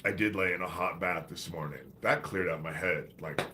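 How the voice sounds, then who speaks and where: This rambling, foul-mouthed live stream comes from a man congested with a head cold. His deep voice is bright and forceful at a moderate pace, with a faint hiss or hum underneath.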